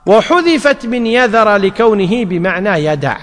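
A man with a fairly high voice leads a grammar lesson. He explains each rule step by step and asks rhetorical questions that he answers himself. His voice trails off into a long reverb. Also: very animated, moderate pace. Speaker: Arabic grammar teacher. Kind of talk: classroom lesson.

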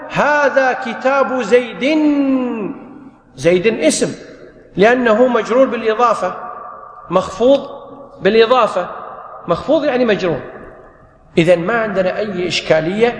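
High-voiced man teaching in an echoey hall. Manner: explains step by step, repeats key phrases, asks and answers his own questions. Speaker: Arabic grammar teacher. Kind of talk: classroom grammar lesson.

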